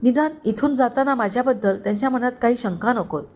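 A woman's voice: fairly high pitch, quick pace, darkish tone, pitched above the performer's own voice, close to an everyday voice. A woman voicing a young heroine who speaks earnestly and emotionally, hurt but sincere.

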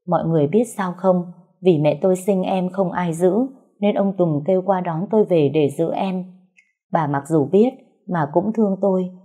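A woman narrating a first-person story in a calm, somber, steady way. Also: fairly low pitch, breathy edge.

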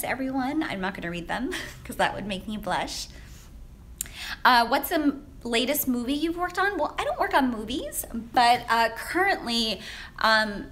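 A young adult woman, Vietnamese by first language, works as a menswear stylist and answers viewer questions in a casual live Q&A, her voice pushed and bright. She's chatty and upbeat, laughs often, and uses many fillers. She films herself on a shaky handheld phone held at arm's length inside a high-rise office with large windows.

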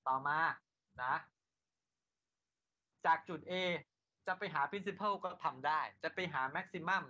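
Man, engineering lecturer, bright forceful voice, slightly high pitch, rhetorical questions, lo-fi recording. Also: slow pace. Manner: asks students rhetorical questions, then answers them himself. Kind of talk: classroom lecture.

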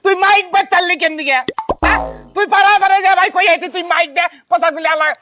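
A man playing an exasperated, embarrassed son-in-law in a loud comedy skit, with a rural Bangladeshi accent and whining, protesting outbursts. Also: very high-pitched, fast, over music. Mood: indignant, distressed.

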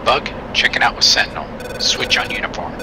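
A man's voice: a little fast, natural voice. A man playing a businesslike fighter flight lead in a flight game, giving clipped, procedural military radio calls. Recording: loud aircraft cockpit noise.

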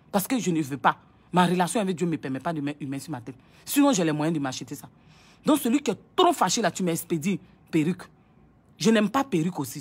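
Woman vlogger, young, husky lowish voice, scolding and emphatic, repeats herself. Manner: scolding, repetitive, emphatic, stammers on repeated words. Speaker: online commentator. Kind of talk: impassioned casual monologue.

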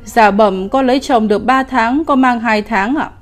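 A woman's voice: fairly high pitch, normal speed, soft background music, lightly acted. A woman voicing a frightened, pregnant young peasant wife in a ghost story, pleading and tearful.

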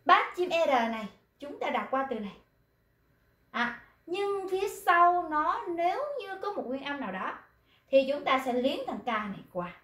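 A woman teaching Korean pronunciation in an online class, patiently repeating words slowly to model them. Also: high voice, very animated, a bit bright. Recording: roomy echo.

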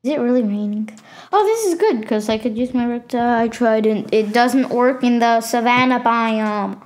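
A woman's voice: a little high, little pitch movement, normal speed, a little mellow. A woman hosting a gaming channel, giving a casual tour of her game world and stopping often with fillers and self-corrections.

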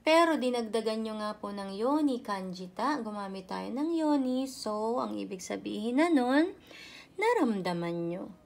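Slow, gravelly-voiced woman teaching grammar. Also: on the high side, expressive. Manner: repeats each example sentence slowly, checking with "ne?"; polite and patient, uses respectful "po". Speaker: Japanese language teacher. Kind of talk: explaining grammar in a lesson.

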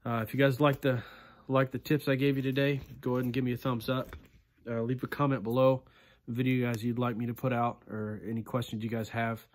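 A man in his thirties walks through his fishing tools in a laid-back, chatty way, close to a phone camera. He often tags his lines with "right?" and "okay". His voice sits at an ordinary middle pitch, and the small indoor room around him is quiet. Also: level tone, fairly quick. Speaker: fishing channel host. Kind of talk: casual gear walkthrough.

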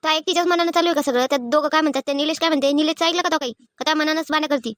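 In an animated family comedy, a woman plays a sharp-tongued, aggrieved old village mother-in-law with a rural Maharashtrian accent. Her voice sits high with no echo, and she scolds and complains in angry, suspicious, rapid-fire bursts.

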